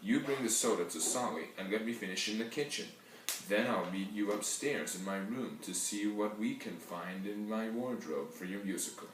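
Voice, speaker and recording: A man voicing a brisk, commanding grandmother in a storybook. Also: lowish voice, distant mic, slight background noise, close to an everyday voice. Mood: warm. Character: bossy, take-charge grandmother. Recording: very echoey room heard from afar.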